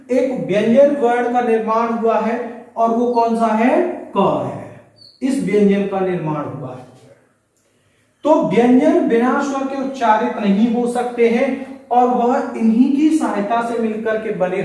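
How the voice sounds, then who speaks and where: A man's voice: extremely high pitch, dark tone. A male teacher giving a lecture, explaining step by step and pointing things out as he goes. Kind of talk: classroom lecture. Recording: echoey room, mic far off.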